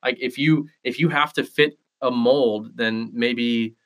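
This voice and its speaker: A man's voice: medium pitch, fairly even intonation, slow. A man in a casual podcast chat, explaining his points and acting out imagined remarks as he goes.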